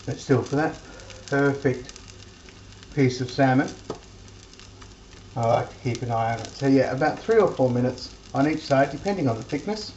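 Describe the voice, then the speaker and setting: Woman cooking vlogger, low voice, chatty and homely; echoey home kitchen, loud frying behind. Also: moderate pace, long pauses, highs cut off, a little hiss or hum. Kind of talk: casual cooking demonstration. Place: home kitchen with sizzling pan.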